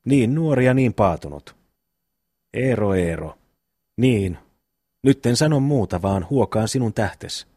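A man's voice: on the low side, expressive, long pauses, mellow, slightly rough, no room sound, studio quality. A man reading the lines of a pious, sanctimonious peasant brother who preaches and sighs. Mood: preachy. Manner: preachy, sighing.

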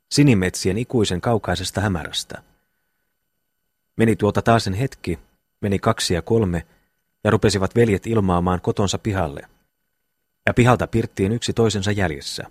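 Male audiobook reader, low voice, measured literary delivery, dry close sound. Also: dry recording. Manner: measured, old-fashioned literary reading. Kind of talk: scripted audiobook narration.

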